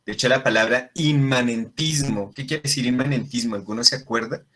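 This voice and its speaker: A man's voice: mid-range voice, fairly quick, fairly bright tone. A man teaching a Latin class, explaining patiently and checking in with frequent questions to his students. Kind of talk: classroom lesson.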